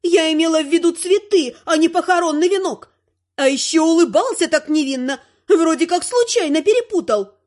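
A woman voicing a haughty, sharp-tongued old grandmother who lectures and scolds in a raised, indignant voice, in an audiobook. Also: very high voice, lively intonation, moderate pace, pitched above the performer's own voice. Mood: indignant scolding.

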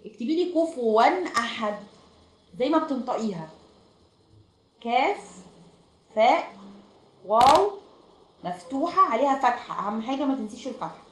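A woman with an Egyptian Arabic accent teaches a recitation lesson over online voice chat from a room at home, explaining step by step and often checking in with her students. Her voice sits on the high side, with lively intonation, a moderate pace and long pauses. The room is echoey, with faint background noise.

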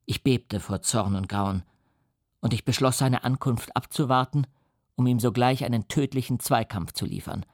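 A man giving a calm, even scripted audiobook narration. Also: medium pitch, no echo, clean studio sound.

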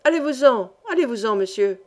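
Brief: a woman voicing an arrogant male scientist who shouts people out of his office, audiobook reading. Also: on the high side, fairly even intonation, moderate pace, lightly acted. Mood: furious. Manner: imperious, shouting dismissals. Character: irascible arrogant male professor, domineering.

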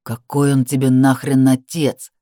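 A woman voicing a cruel young man threatening his stepsister in a slow, low, contemptuous voice. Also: completely flat delivery, dark tone, no room sound, clean studio sound. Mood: cold menace. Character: menacing young man, cold cruel stepbrother.

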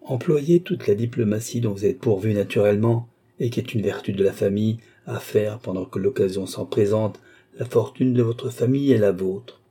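A man voicing a brusque, impatient old baron who scolds his daughter with sharp, insistent lines. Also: on the low side, normal speed, husky. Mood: scolding, impatient.

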